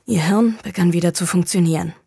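A woman narrating a crime story in a fairly low voice, measured and grave. The recording is close and dry, with no room sound around her. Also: creaky, warm tone, breathy edge, no room sound. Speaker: audiobook narrator. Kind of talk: scripted narration of a crime novel.

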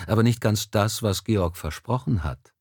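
A man reading aloud, voicing a shy young man who speaks quietly and hesitantly. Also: lowish voice, normal speed, no room sound, studio quality. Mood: musing.

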